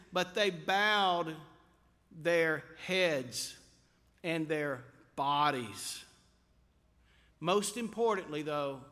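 Male pastor, high voice, unhurried emphatic sermon delivery. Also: sharp tone, long reverb tail. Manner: slow, emphatic preaching with drawn-out words.

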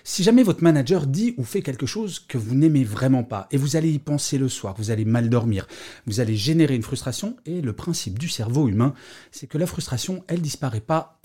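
A middle-aged man hosts a solo podcast, explaining his points casually with asides. His voice is husky and dark, and his pitch moves around a lot as he talks. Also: expressive, fairly quick. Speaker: podcast host. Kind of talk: solo podcast talk on work life.

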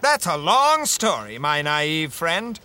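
A man's voice: on the high side, big pitch swings, takes it slowly, pushed and bright, full character voice. A man voicing a self-important blogger who speaks in a dramatic, self-absorbed way.

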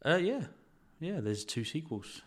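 A man's voice: a little high, very animated, measured pace, breathy edge. A man co-hosting a podcast, casually retelling a story with fillers and restarts. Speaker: podcast co-host. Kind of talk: casual chat.

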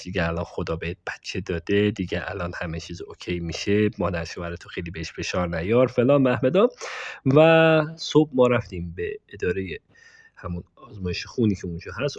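Low-voiced man telling a true story. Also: darkish tone, dry recording. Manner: digressive, addresses listeners directly. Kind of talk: conversational storytelling with asides to listeners. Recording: dull, dry lo-fi recording.

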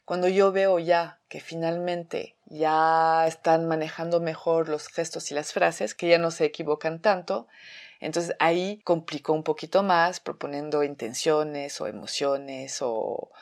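A woman, a theater workshop teacher calmly explaining a drama exercise step by step. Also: low voice, unhurried. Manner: calm, methodical explanation with examples.

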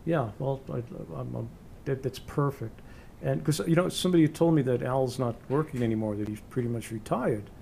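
A man's voice: medium pitch, fairly quick, vocal fry, warm tone, slight background noise. A man with a New York accent interviewing a musician in a casual, rambling way, full of ums and restarts. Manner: rambling, many fillers and restarts.

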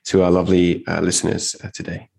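A man's voice: deep voice, completely flat delivery, quick pace, vocal fry, a little mellow. A man hosting a podcast interview, chatty and upbeat, with many fillers. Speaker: podcast host.

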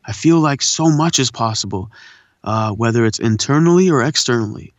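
A man's voice: medium pitch, normal speed, no room sound. A man who was born in India and raised in Southern California, a voice actor and poet, talking reflectively in a casual interview. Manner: relaxed, reflective, says "man" often.

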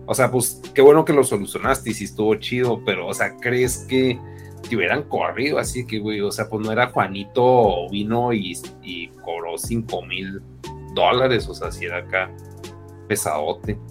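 A man asking questions in relaxed casual chat, full of fillers. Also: fairly low pitch, normal speed, faint music behind.

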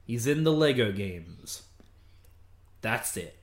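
A man's voice: medium pitch, animated, slow. A man speaks casually as a podcast co-host, and his voice rings in an echoey room. He makes blunt, dry remarks and rattles off lists in a matter-of-fact way. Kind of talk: casual chat about games and films.

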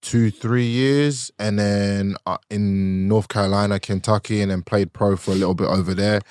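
A man's voice: fairly low pitch, fairly even intonation, normal speed, a little mellow, clean tone, no room sound. Slangy young London-area roadman, close dry sound. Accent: London-area English, urban roadman slang. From England. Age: young adult. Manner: slangy, swearing, laddish. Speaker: footballer, podcast guest. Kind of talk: casual chat.

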